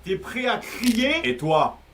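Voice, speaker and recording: A man's voice: high-pitched, sing-song, slow pace, fairly bright tone, a little hiss or hum. A man acting out short comedy sketches, playing every character and switching between voices. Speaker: comedy sketch creator voicing all parts.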